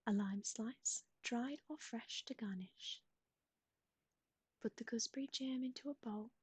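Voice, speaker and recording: A woman whispering recipes in a soft ASMR style, close to the mic, with gentle asides to a pet. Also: fairly high pitch, measured pace, slightly rough, no echo. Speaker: ASMR streamer.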